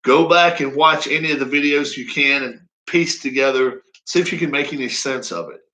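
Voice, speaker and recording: A man's voice: medium pitch, moderate pace, pushed and bright, poor audio. A man in his fifties chatting casually on a live stream, rambling and folksy with frequent chuckles. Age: 50s. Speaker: racing league streamer.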